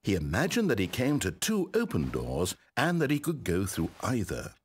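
Here the same sort of game narrator, wry, condescending and controlling, is played by a British-accented man in theatrical, scripted storybook style. The pitch is fairly low yet swings dramatically, the pace moderate, the tone husky and heavily acted. An eloquent, exasperated storyteller sets a wistful mood.

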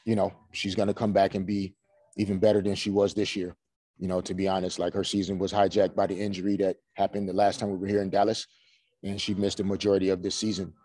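Low-voiced, even-toned coach at presser. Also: male voice, dry recording. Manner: measured, many "you know" and "um" fillers. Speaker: head coach at a postgame press conference. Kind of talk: postgame press conference answers. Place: small room before a team logo backdrop. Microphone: video call webcam.

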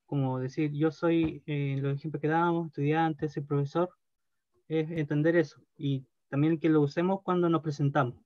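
A man teaching a language class, speaking slowly and deliberately and often checking in with his students. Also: on the high side, fairly even intonation, a little mellow, no echo, lo-fi sound.

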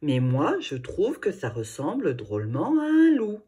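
A woman's voice: low voice, wildly swooping pitch, measured pace, dark tone, husky, exaggerated voice. A woman reading a storybook, voicing a timid, curious young boy with a small, anxious voice. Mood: worried.

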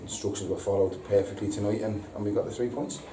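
This is a post-match football manager, an Englishman in his thirties, speaking low and evenly but haltingly, with frequent ums and repeated words. The setting is an indoor press room in front of a sponsor board, captured by a distant mic that adds echo, noise and hiss.

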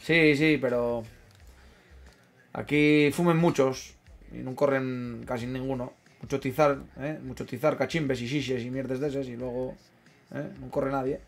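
Excitable Asturian man commentating his game. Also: medium pitch, a little slow, vocal fry. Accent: Asturian Spanish. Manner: excitable, swears freely, repeats himself, reacts loudly to plays. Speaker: gaming streamer. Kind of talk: casual live commentary over a football video game.

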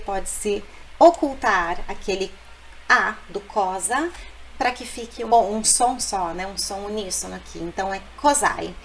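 A woman teaching a language lesson, explaining phrases patiently and repeating them slowly. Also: fairly high pitch, a little hiss or hum, low-quality recording. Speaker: Italian teacher.

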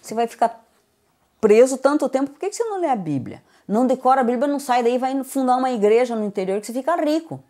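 A mother tells a family anecdote, laughing as she goes and quoting back and forth. Her pitch swings widely and stays lively throughout. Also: quick pace. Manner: laughing, lively storyteller who quotes others. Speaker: interviewee, the subject's mother. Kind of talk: casual anecdote in an interview.

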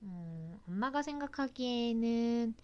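Mother reading to a toddler: high, very lively female voice, sing-song, playful questions. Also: slow, muffled recording. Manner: exclaiming and sing-song, child-directed, polite simple sentences. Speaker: mother reading a picture book to her young child.

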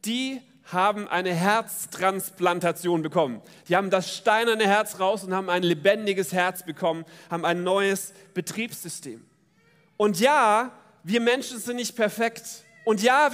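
A man preaching a lively sermon at a baptism service, speaking directly to his congregation in a church. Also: sits high. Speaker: pastor. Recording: long church reverb.

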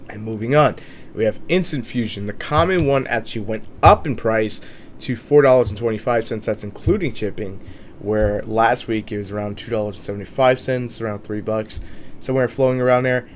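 A man's voice: lowish voice, a little hiss or hum. A man with a sore throat, feeling sick, giving casual, informal video commentary as host of a price guide. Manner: informal, mild swearing. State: under the weather with a sore, swollen throat.

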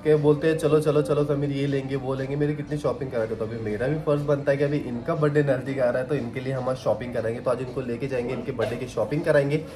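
A man's voice: medium pitch, steady tone, quick pace, hardly any pauses. A young man chatting casually on a family vlog at home, teasing his wife and playing with his little son. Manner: chatty, teasing, playful with a toddler. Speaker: vlogger, husband and father.

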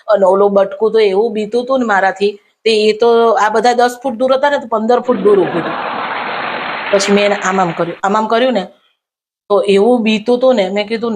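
A woman telling a comic anecdote to camera, acting out what others said in a raised voice. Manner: animated retelling, acting out quoted lines in raised pitch. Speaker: comic storyteller.

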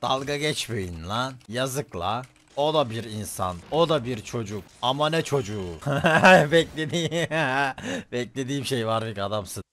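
Young male streamer, loud excitable game commentary, swears a lot, faint noise behind. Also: mid-range voice, normal speed, few pauses. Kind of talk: live gaming commentary.

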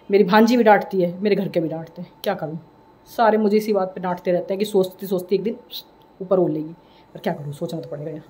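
A woman's voice: fairly low pitch, dark tone, breathy edge. A woman in her forties chatting casually in a home vlog, breathless from cleaning and complaining with a self-deprecating tone. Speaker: vlogger, mother. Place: home, indoors.

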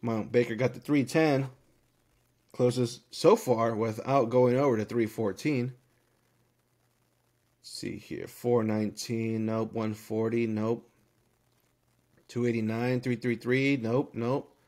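A man's voice: medium pitch, fairly even intonation, a little mellow. Upbeat man reading viewer guesses. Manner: upbeat and hyped, rattling off numbers with quick yes-or-no verdicts. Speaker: host of a live-streamed Q&A show. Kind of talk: live-stream giveaway, reading viewer guesses aloud.

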